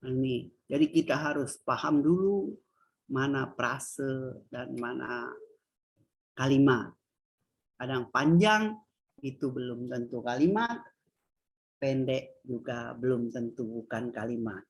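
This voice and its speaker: Husky-voiced woman lecturing a class. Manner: questions students, stresses words with rising pitch. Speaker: university lecturer. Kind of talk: classroom lecture on Indonesian grammar.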